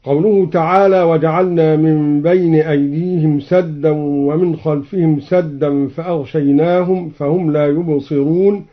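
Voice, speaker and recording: A man from Egypt explains variant readings of scripture in a measured, precise way and chants each example slowly, heard on an old radio recording. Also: a little high, steady tone, muffled recording. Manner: measured, precise, switching between plain explanation and slow chanting. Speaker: Quran reciter and teacher.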